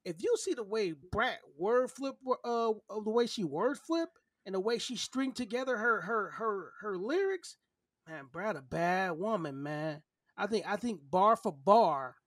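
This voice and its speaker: A man in his thirties co-hosts a podcast, chatting casually while emphatically arguing his opinions and repeating himself for stress. His high voice is animated and moderately paced, captured at studio quality with no room sound.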